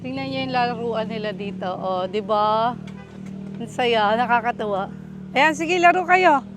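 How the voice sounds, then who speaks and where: Upbeat chatty woman, higher voice. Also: unhurried, over music. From Philippines. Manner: chatty, upbeat, often laughing. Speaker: vlogger. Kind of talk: casual vlog tour. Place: outdoor farm.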